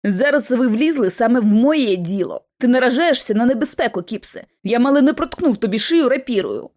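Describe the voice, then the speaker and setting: Woman reading as young male agent, cool, mocking, audiobook, lively intonation. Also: a little high, brisk, lightly acted. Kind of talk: audiobook narration.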